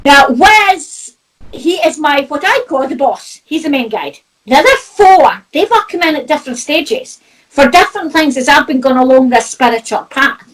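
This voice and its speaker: A high, expressive voice at a moderate pace belongs to a Scottish medium with a Doric accent. She chats casually about spirituality, spinning anecdotes with plenty of laughter and "you know." The low-quality recording was made from a distance.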